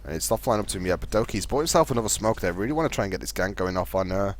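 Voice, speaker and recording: A man casting a live video game match, fast play-by-play with a fairly steady delivery. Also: lowish voice. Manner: fast, chatty play-by-play talking to co-caster; calls his own voice monotone. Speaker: esports caster.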